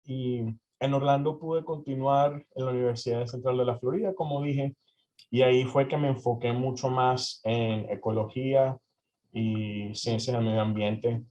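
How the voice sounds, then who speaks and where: A man's voice: mid-range voice, fairly even intonation, normal speed, darkish tone. A young man from Venezuela answering interview questions, hesitant with many fillers and restarts. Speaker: interview guest. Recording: slightly dull lo-fi audio.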